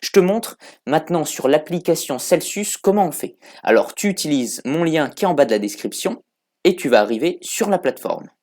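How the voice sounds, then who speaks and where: A man's voice: on the high side, lively intonation, fairly quick, darkish tone. A man casually talking the viewer through an app, step by step, in a chatty tutorial style. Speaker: crypto tutorial host. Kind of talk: casual screen-recorded app walkthrough.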